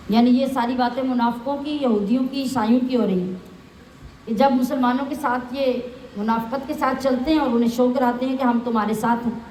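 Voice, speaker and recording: High-voiced woman teaching Quran, echoey room. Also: a little mellow, a little hiss or hum. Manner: reads Arabic phrases, then explains each plainly; asks the listeners rhetorical questions. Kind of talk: Quran recitation with phrase-by-phrase translation lecture.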